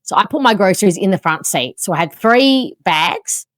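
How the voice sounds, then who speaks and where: An Australian woman hosting a podcast, telling a story in an animated, self-mocking way. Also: mid-range voice, normal speed, dry recording, clean studio sound. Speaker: podcast host. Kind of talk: casual chat, storytelling.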